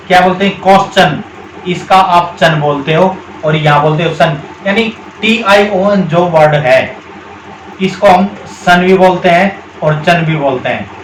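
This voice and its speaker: Brief: Indian male grammar teacher, slightly high voice, patient step-by-step explanations with repeated words, echoey room. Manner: explains step by step, repeats words slowly, calls students beta. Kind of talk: classroom-style video lesson. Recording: echoey room with faint background noise.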